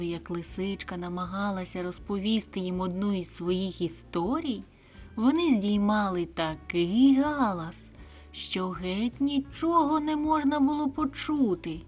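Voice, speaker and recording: A woman narrating a children's bedtime story in a soft, calm, unhurried manner. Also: mid-range voice. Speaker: storyteller reading a children's audiobook.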